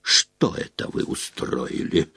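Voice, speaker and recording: A man's voice: fairly high pitch, big pitch swings, slow, slightly rough, no room sound, studio quality, voice pushed up, exaggerated voice. A man voicing a furious, spiteful male professor who snarls and rants. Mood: roaring. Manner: snarling, ranting.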